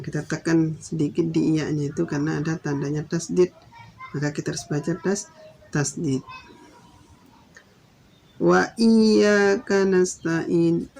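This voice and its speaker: A man teaching Quran recitation, explaining patiently and repeating his points, then chanting verses slowly and drawn out. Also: a little high, gravelly, warm tone, a little hiss or hum, low-quality recording. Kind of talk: slow explanatory recitation lesson.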